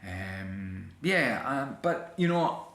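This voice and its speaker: A man's voice: on the low side, expressive, very slow, fairly bright tone, roomy sound. A middle-aged Scottish man, an actor and writer, talking reflectively as an interview guest with many restarts and fillers. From Scotland.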